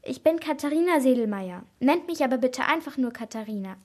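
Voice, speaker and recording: A woman's voice: high-pitched, lively intonation, a little fast, a little mellow. A woman reading the lines of a friendly, well-off female painter in a children's crime story. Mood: welcoming. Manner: welcoming, polite.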